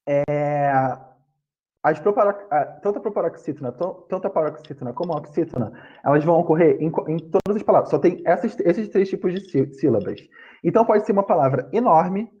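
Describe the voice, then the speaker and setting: A man's voice: fairly high pitch, a little mellow, lo-fi sound. A man with a Brazilian Portuguese accent teaching an online grammar lesson over a video call, explaining patiently, repeating points and correcting himself.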